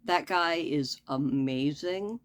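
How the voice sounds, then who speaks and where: Slow-talking woman lisping around new false teeth. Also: low voice. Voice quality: slight lisp from newly fitted false teeth. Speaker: vlogger giving a personal update. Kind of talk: casual vlog chat.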